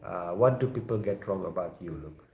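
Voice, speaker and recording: A man with an Indonesian accent hosting a live chat room, talking casually and haltingly and often repeating short phrases. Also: deep voice, lively intonation, vocal fry, a little mellow. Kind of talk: casual chat, reading out chat messages. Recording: roomy echo, faint background noise.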